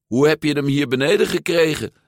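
A man's voice: fairly high pitch, fairly quick, no room sound, studio quality, voice pushed up, natural voice. A man reading a storybook aloud, voicing a timid, anxious teenage sea-monster boy who hesitates and apologizes. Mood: nervous.

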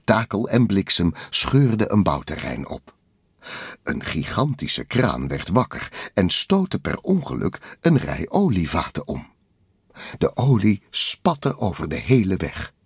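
A man narrating a children's storybook in a lively, expressive way. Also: deep voice, takes it slowly, husky, dry recording, studio quality. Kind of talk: storybook read-aloud narration.

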